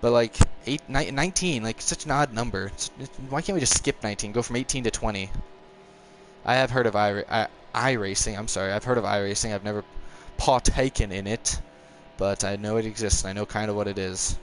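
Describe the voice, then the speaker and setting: In this clip, slight background noise surrounds a lowish male voice. The speaker, a nineteen-year-old gaming streamer, rambles casually on a live stream while playing a racing game and reacting to the race, chatty, quick to get frustrated, and laughing softly at times.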